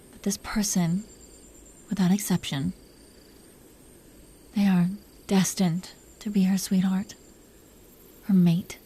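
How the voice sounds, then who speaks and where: A woman voices a protective dragon queen who is smitten in an intimate romantic audio roleplay. At a medium pitch, she speaks softly and breathily, often close to a whisper, with a slow, confiding delivery that is affectionate and teasing.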